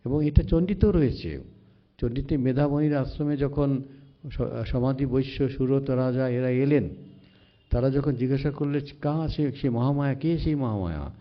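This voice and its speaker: Monk, measured sermon. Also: male voice, mid-range voice. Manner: measured, recites verses slowly and retells sacred stories. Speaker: monk giving a spiritual discourse. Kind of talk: devotional sermon. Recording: slightly dull lo-fi recording.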